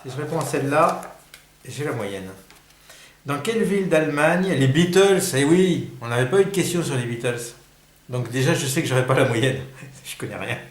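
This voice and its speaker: A man's voice: medium pitch, expressive, moderate pace, echoey room. A man hosting a casual solo music quiz, thinking aloud, muttering and sighing over the answers and then perking up. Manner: mutters and sighs while thinking, then perks up. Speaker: host of a record-collecting channel.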